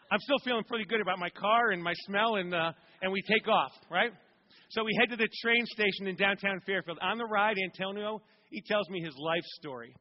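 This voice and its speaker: A male pastor telling a story in a sermon, building to emphatic, rising questions. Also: sits high. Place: church sanctuary. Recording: dull recording with long hall reverb.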